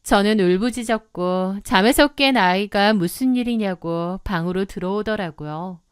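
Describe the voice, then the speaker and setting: Woman reading a dramatic confession story, clean smooth voice, dry close mic. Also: medium pitch, dry recording. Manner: dramatic confessional telling, bursting into loud acted shouts. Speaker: story narrator. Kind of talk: scripted first-person story narration.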